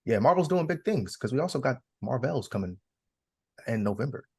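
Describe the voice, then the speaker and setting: A man's voice: mid-range voice, very animated, brisk, breathy edge. A young man co-hosting a casual podcast, easygoing and enthusiastic. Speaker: podcast co-host. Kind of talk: casual chat.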